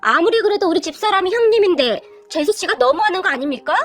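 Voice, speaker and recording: A pushy brother-in-law lectures in an accusing tone, voiced by a woman reader. The pitch is very high for a man's part and moves a lot. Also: lively intonation, quick pace, a bit bright, soft background music. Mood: indignant. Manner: accusing, finger-pointing.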